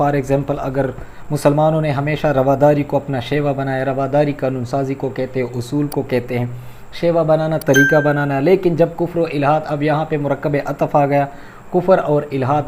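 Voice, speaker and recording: A man's voice: fairly high pitch, a little mellow, slight background noise. A man teaching an Urdu class, explaining vocabulary and repeating words to correct their pronunciation, addressing listeners politely. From Pakistan. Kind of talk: lecture on vocabulary and grammar.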